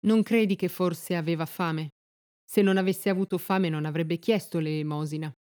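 A man's voice: a little high, steady tone, moderate pace, darkish tone, clear, resonant tone, no room sound, studio quality, close to an everyday voice. A woman voicing a poor, earnest peasant man who protects his sister, stammering when upset, in a read-aloud story.

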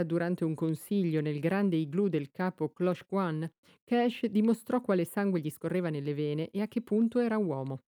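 A woman's voice: on the low side, dark tone, dry recording, studio quality. A woman narrating a story aloud, reading steadily and giving voice to the dialogue.

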